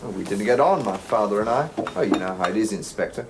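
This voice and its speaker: An actor playing a nonchalant male murder suspect in a television drama, answering in a cool, mocking, unhurried way. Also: on the low side, lively intonation, noisy background. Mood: detached. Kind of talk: British television drama acting.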